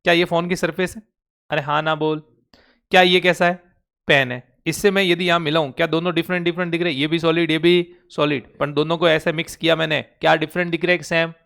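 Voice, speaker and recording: A man's voice: on the high side, level tone, brisk, creaky, a bit bright. A man teaching chemistry in Hindi with a Rajasthani accent, constantly quizzing his students with call-and-response questions. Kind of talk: classroom lecture. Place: online class recording.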